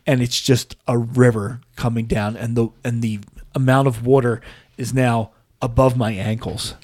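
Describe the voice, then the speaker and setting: A man's voice: medium pitch, little pitch movement, normal speed, darkish tone, dry recording, clean studio sound. Man telling rambling stories on a podcast. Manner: rambling anecdotes with self-mocking humor. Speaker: podcast co-host. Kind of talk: casual chat, storytelling. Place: podcast studio. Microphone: podcast mic.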